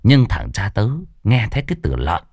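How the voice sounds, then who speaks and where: A man narrating a comic ghost story in a lively, mocking way. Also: on the low side, moderate pace, husky, dry recording, clean studio sound.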